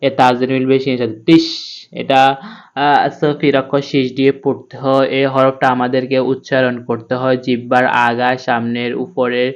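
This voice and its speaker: A man teaching Quran reading to viewers, spelling out each letter and sound slowly before chanting the verse. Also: mid-range voice, little pitch movement, lo-fi sound. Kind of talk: step-by-step recitation lesson.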